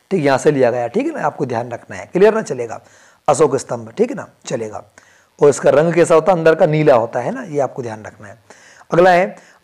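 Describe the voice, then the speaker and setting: A male teacher giving an exam-prep lesson indoors, asking quiz questions and answering them himself, repeating key facts and checking that they are clear. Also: fairly high pitch, a little mellow. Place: indoor room where he films.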